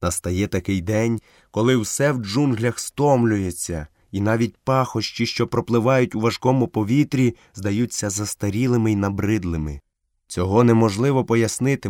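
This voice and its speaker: Calm man reading a story. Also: lowish voice, dry recording, studio quality. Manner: calm, measured, even storytelling. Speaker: audiobook reader. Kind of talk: scripted narration.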